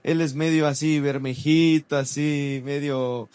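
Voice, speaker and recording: A man, co-hosting a church podcast and telling a personal testimony in a casual, animated way. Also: a little high, unhurried, smooth. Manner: animated, acts out quoted voices.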